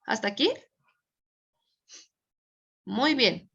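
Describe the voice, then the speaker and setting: A Mexican woman teaching online Spanish grammar speaks very slowly, her fairly high voice gravelly, slightly rough and a bit bright, with lively intonation. She is patient and often checks that students follow; the recording is dull and lo-fi.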